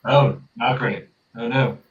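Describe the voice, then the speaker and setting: A man's voice: medium pitch, steady tone, slow pace. A man playing in a tabletop game, chatting casually and repeating himself. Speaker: player. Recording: roomy echo, distant mic, dull.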